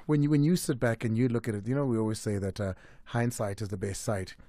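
A man hosts a live radio interview from a studio, speaking into a close mic with headphones on. His voice sits on the low side and the sound is dry. He gets animated and repeats words as he asks his questions. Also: fast, no echo. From South Africa. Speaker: radio host.

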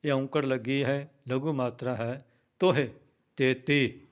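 Slow, clear-voiced man teaching recitation. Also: mid-range voice, little pitch movement, muffled recording. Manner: chants verses slowly, then explains spelling plainly. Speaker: Gurbani pronunciation teacher. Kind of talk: slow recitation and spelling lesson.

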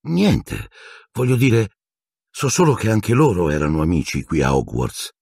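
A man voicing an earnest, shaken teenage boy wizard in an audiobook, pitched well up and urgent. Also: wildly swooping pitch, measured pace, vocal fry, a little mellow, husky, no echo, studio quality, heavily acted. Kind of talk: audiobook character voice.

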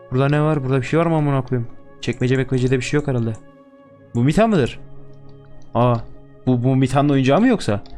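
Young man, crude swearing gamer commentary, mid pitch. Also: a little mellow. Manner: crude, joking, swears constantly. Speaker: gaming YouTuber. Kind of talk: let's-play commentary.

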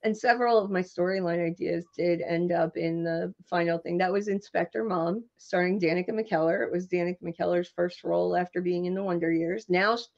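Woman guest, lowish voice, animated anecdotal delivery, slightly dull lo-fi audio. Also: brisk, creaky, few pauses. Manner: animated anecdotal storyteller, laughs often. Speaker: screenwriter and marketing guest. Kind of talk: interview storytelling.

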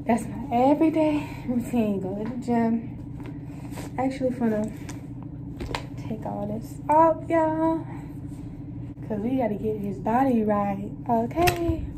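A young woman in college vlogs her day on a handheld phone, chatting loose and slangy with her viewers. Her voice sits a little high. Clear background noise from around campus runs under it. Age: young adult. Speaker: college student vlogger. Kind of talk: casual vlog chat.

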